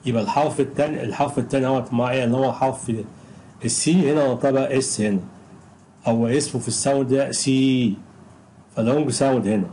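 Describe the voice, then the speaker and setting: A man's voice: medium pitch, steady tone, mellow, slight background noise, low-quality recording. Patient Egyptian man teaching pronunciation. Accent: Egyptian Arabic. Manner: patient, repeats each word slowly several times. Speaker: English teacher. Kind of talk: recorded screen lesson.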